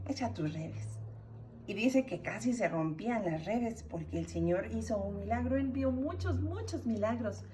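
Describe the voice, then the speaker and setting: A woman's voice: mid-range voice, recorded from a distance, slight background noise. A woman with a Mexican accent teaching a children's Sunday school lesson, telling a story and acting out the characters' cries. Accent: Mexican Spanish. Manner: animated, acts out the characters' cries.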